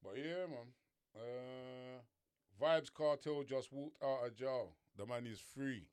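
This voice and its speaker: A man's voice: slow pace, a little mellow, smooth, no echo, studio quality. A young man, co-hosting a casual chat and teasing his co-host in a laid-back way. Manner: laid-back, teasing, drops to low mutters. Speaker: podcast co-host.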